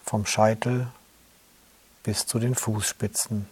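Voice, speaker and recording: A man slowly guiding a yoga nidra relaxation in a calm, soothing way. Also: fairly low pitch, husky. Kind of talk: guided relaxation instructions.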